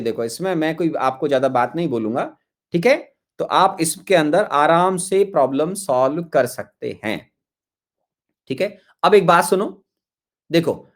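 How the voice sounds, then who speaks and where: A man teaching chemistry in an online class, coaxing his students, repeating himself and calling them his children. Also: a little high.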